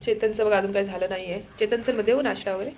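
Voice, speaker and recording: A woman's voice: medium pitch, fairly even intonation, rapid-fire, a little mellow, a little hiss or hum. A woman chatting casually through a family home vlog, keeping her viewers pointed at what she is doing. She films with a handheld phone camera while moving around the house. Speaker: family vlogger. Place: home, indoors.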